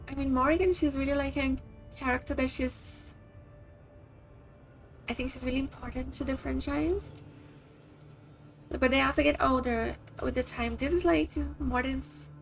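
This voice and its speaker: A Brazilian woman whose first language is Portuguese chats casually while live-streaming a game, with faint game music behind her. Her high, steady, creaky voice moves at a measured pace with long pauses, and she's chatty and rambling, full of likes and kindas.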